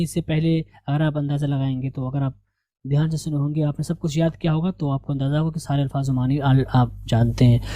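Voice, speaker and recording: A woman teaching a language lesson, slowly drilling pronunciation and repeating each word. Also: mid-range voice, a little mellow, no room sound. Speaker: English teacher.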